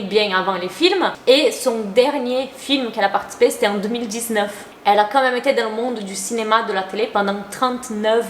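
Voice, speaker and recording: A woman's voice: fairly high pitch, a little hiss or hum. Chatty young woman in a roomy room. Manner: chatty and opinionated, uses casual slang. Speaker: YouTuber. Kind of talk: casual commentary to camera. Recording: roomy echo.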